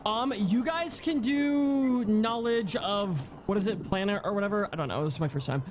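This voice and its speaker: A young man with a high voice runs a tabletop game over voice chat, narrating in a halting way full of ums and fresh starts. A light hiss of noise sits behind him on his home mic. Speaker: game master. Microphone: home microphone on voice chat.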